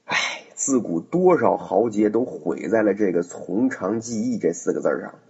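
A man's voice: lowish voice, expressive, moderate pace, vocal fry, a little mellow, breathy edge. A man narrating a classic tale in a chatty, casual way, with asides to the listener. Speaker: storyteller. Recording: dull lo-fi recording.

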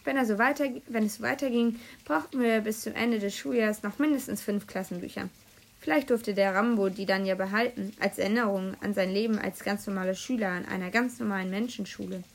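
A woman reading a children's book aloud in a lively storytelling manner, with the odd slip. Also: mid-range voice, a little fast, creaky. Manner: lively storytelling with occasional slips. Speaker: reader.

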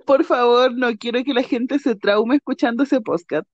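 A Chilean woman co-hosting a podcast in casual chat, calm with dry humor and soft laughs. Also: a little high, normal speed, dry recording, lo-fi sound. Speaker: podcast co-host.

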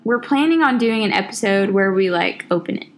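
An animated woman from the Southern United States co-hosts a podcast, chatting casually in a mid-range voice at a slightly quick pace. She rambles and fills her talk with lots of "like".

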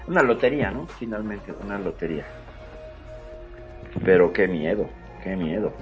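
Host, man, lowish voice, reflective and explanatory, dull lo-fi sound. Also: expressive, moderate pace, faint music behind. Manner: explanatory, reflective, frequent fillers. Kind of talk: casual conversation. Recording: slightly dull lo-fi audio.

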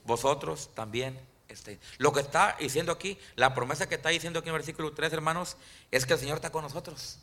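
A man preaching a Spanish-language sermon in church, calling out to the congregation and often asking them questions, slowing down when he quotes scripture. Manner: rises in pitch and loudness for emphasis, slows on scripture quotes. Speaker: pastor.

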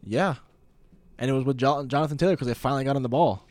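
A man's voice: medium pitch, fast talker, darkish tone, dry recording. A man co-hosting a casual sports chat, blunt and opinionated, often trailing off and restarting. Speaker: podcast co-host, Eagles fan.

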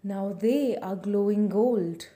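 A woman leading a scripted guided relaxation in a soft, breathy spa near-whisper, soothing, with long pauses between short phrases. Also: medium pitch.

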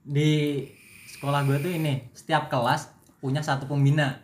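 A young man telling his story in relaxed chat, rambling and stopping to restart his thoughts. His voice sits a little high, and a faint hiss of noise runs under it. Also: moderate pace. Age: young adult. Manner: rambling, self-interrupting, laughs often. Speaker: guest. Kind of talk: casual podcast chat.

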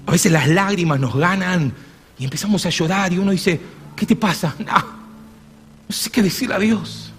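A man preaches, dropping to near-hushed tenderness and then rising into loud exclamations. His voice sits a bit higher than most men's. The sound hangs in a long-echoing hall, with faint music playing beneath. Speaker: pastor. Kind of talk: sermon.

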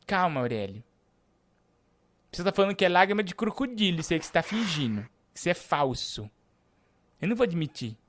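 A man hosting a live show, reading out shout-outs and teasing a caller in a playful way. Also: sits high, big pitch swings, a little fast, pauses often. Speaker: host.

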